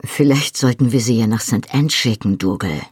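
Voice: mid-range voice, moderate pace, a little mellow, husky, no room sound, clean studio sound, close to an everyday voice. A reader voicing a man who mocks a comrade, in a teasing drawl. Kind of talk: audiobook character reading.

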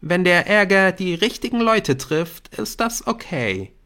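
A man reading an audiobook, voicing a worried, earnest teenage schoolboy who pleads urgently in a raised, high voice. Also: big pitch swings, unhurried, gravelly, a bit bright, exaggerated voice. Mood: worried, insistent. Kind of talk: audiobook character voice.

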